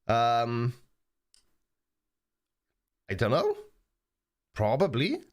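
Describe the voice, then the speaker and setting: An Australian man in his forties chats casually on his live stream, replying to viewer comments in a relaxed, plain manner full of ums. He has a mid-range voice and speaks extremely slowly.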